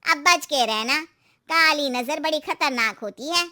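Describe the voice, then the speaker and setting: Older neighbour aunt in a cartoon story, superstitious and cautioning, high-pitched, voiced by a woman, hushed warning tone. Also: a little slow.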